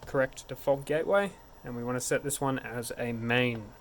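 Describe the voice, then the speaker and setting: Speaking at normal speed with medium pitch, this tech support instructor narrates a hands-on tutorial in a casual, step-by-step fashion. There is clear background noise in the recording.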